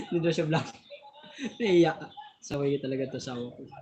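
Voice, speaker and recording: A man's voice: a little high, unhurried, a little mellow, slight background noise. A man hosting a casual live stream on his phone, chatting and laughing often as he thanks viewers, sometimes tripping over his words.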